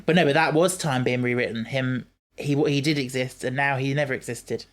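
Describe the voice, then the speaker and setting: A man in a casual podcast conversation. He lays out his reasoning calmly and step by step, pausing on fillers as he thinks. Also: medium pitch. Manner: measured, reasons things out with fillers. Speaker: podcast co-host. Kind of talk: casual chat.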